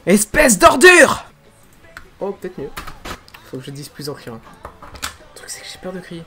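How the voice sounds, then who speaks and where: Un jeune homme youtubeur parle de façon décontractée et enjouée dans son micro de bureau, chez lui tard le soir. Il plaisante sur lui-même. Une petite musique d'anime passe faiblement derrière. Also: male voice, a little high, moderate pace, faint music behind. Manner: chatty, self-deprecating, excited. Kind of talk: casual amateur dubbing vlog. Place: room at home, late at night. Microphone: desk microphone.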